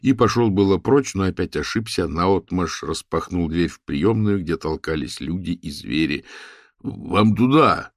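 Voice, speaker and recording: A man narrating an audiobook in an expressive, scripted reading style. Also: sits low, normal speed, few pauses, no echo, studio quality. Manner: expressive reading with husky, gravelly tone.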